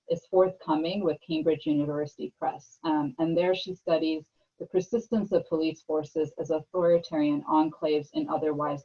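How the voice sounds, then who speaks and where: A host with a fry-laden, rough-edged voice introduces panelists in a formal, read-aloud way, with small stumbles here and there. The sound is a slightly muffled video-call feed. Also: medium pitch, a little mellow. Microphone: video call microphone.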